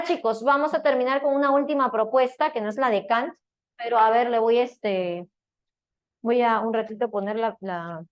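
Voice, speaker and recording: A woman teaching a philosophy class at a whiteboard, chatty and peppering her explanation with tag questions. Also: on the high side.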